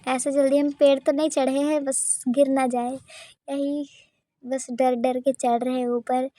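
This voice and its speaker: Woman vlogger, casual voice-over, high voice, mellow tone, dry close sound, hesitant chatty storytelling. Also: flat delivery, unhurried, no room sound. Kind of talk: casual vlog voice-over narration.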